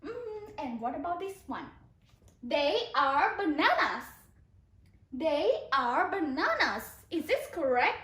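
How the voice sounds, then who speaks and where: A Thai-accented woman teaches young children online in a very high, bouncy voice that swoops up and down. She speaks slowly and leads them through repeated questions in a sing-song way, sounding hoarse. The echoey room adds a roomy ring to her voice. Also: very animated, fairly bright tone. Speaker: kindergarten English teacher.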